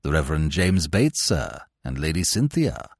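A man voicing a deferential, unflappable valet who speaks in a formal, measured, low and soft way. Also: sing-song, creaky, dry recording, studio quality, full character voice. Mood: composed, formal. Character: deferential, unflappable male valet, middle-aged.

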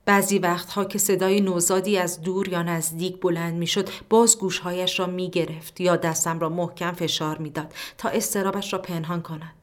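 A woman reading a literary short story aloud as narrator, in a calm, measured way that turns quiet for inner thoughts. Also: lowish voice.

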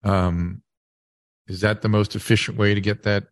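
Low-pitched guy hosting a podcast chat, kinda rambly and halting, dry close sound. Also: little pitch movement, no echo. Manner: halting, rambling, mulling aloud. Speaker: podcast host and interviewer. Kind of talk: casual interview chat.

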